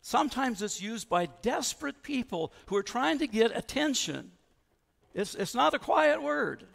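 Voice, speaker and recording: Male pastor, sermon, conversational, high and gravelly, long church echo. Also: very animated, measured pace, a bit bright. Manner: conversational, asks the congregation questions. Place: church sanctuary.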